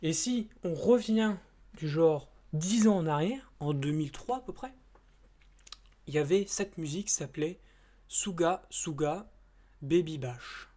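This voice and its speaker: A man's voice: fairly high pitch, a little slow, warm tone. A man chatting casually to camera as a YouTuber. He rambles and hesitates, with many fillers and restarts, in informal, slightly crude speech.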